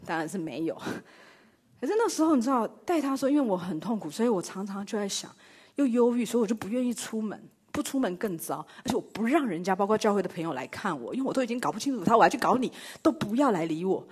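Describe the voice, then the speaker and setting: A woman's voice: medium pitch, expressive, fast talker, breathy edge. A middle-aged woman preaching a sermon and telling a personal story, with rhetorical questions and self-mocking humor. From Taiwan. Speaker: church speaker.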